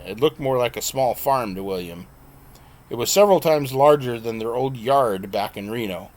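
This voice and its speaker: In an unhurried, plain reading, a man voices the audiobook of a novel he wrote himself, now and then correcting a slip. He speaks in a mid-range voice.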